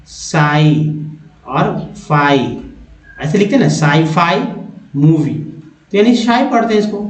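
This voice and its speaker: A man with an Indian accent teaching an English spelling lesson, repeating words slowly syllable by syllable. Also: high voice, darkish tone, echoey room, rough recording.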